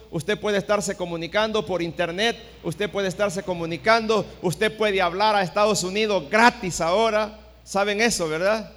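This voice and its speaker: A middle-aged pastor preaches with a fairly high voice, dropping to a hush and then rising to a shout as he tells his story. The sound carries the long reverb of a large church hall. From El Salvador. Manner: storytelling, swings from hushed to shouted. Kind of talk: sermon.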